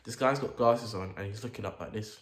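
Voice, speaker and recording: A young man, telling a story to camera in a casual, animated way, full of slang and acted-out reactions. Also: lowish voice, brisk. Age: late teens. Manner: animated, slang-heavy, acts out his own reactions. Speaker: vlogger. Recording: echoey room with faint noise.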